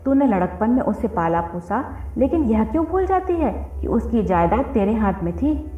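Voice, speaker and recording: A woman's voice: on the high side, very animated, moderate pace, echoey room, narrow, tinny audio, soft background music. A woman voicing a self-important male village record-keeper who lectures. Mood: lecturing. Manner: lecturing, reasoning.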